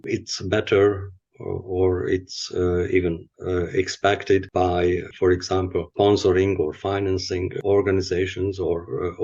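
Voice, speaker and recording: An older man with a Hungarian accent speaks in a low voice and stops often on filler sounds. The audio is muffled and lo-fi. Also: a little mellow. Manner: halting, many filler pauses. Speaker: chemistry professor guest. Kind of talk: podcast interview.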